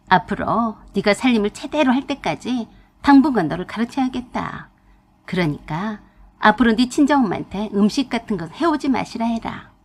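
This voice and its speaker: A woman voicing a bossy, scolding older mother-in-law who lectures her daughter-in-law in a low, husky voice. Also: darkish tone, close to an everyday voice. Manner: domineering, lecturing.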